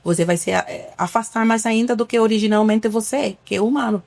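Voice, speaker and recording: Fast and creaky, her voice is on the high side and a little mellow. She is an earnest family doctor from Cuba with a Cuban Spanish accent, giving a podcast interview in which she explains things through patient examples, with some restarts.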